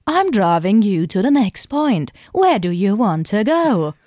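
A woman putting on a stiff, slow robot voice, playing a flirty humanoid robot in a casual podcast chat. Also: medium pitch, very animated, darkish tone, no room sound, clean studio sound. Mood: robotic.

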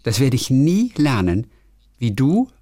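Man co-host, casual and reflective, very lively intonation, dry close mic. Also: medium pitch, unhurried, no room sound. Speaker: podcast co-host. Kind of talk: casual chat.

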